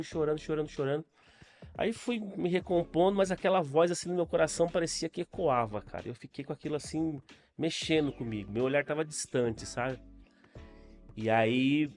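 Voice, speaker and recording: A man's voice: on the high side, a little mellow. Earnest Brazilian man telling his story. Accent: Brazilian Portuguese. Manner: earnest, storytelling with frequent fillers. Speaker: podcast guest. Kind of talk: casual testimony.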